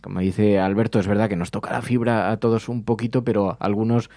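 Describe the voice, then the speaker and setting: Animated man, radio host. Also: fairly low pitch, fairly quick, no echo, clean studio sound. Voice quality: animated storyteller, acts out quotes. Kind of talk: casual chat.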